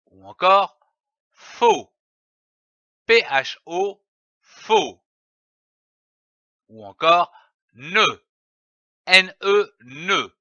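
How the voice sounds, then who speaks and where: A man teaching reading in a slow lesson, spelling out letters and repeating each syllable carefully. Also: sits high, expressive, sharp tone, dry recording, muffled recording.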